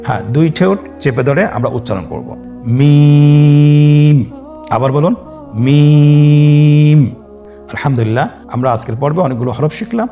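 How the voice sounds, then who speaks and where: A man's voice: mid-range voice, very animated, vocal fry, a little mellow, soft background music. A man teaching Quran reading step by step, stretching each letter name for listeners to repeat. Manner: drawn-out, sung letter names for listeners to repeat. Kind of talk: scripted lesson on Arabic letters.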